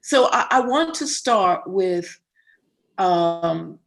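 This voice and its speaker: Speaking in a fairly low, gravelly voice with a fairly bright tone, a woman interviewer and playwright asks questions with lively intonation and drawn-out words. She's enthusiastic and effusive in this conversational interview, often repeating words as she restarts.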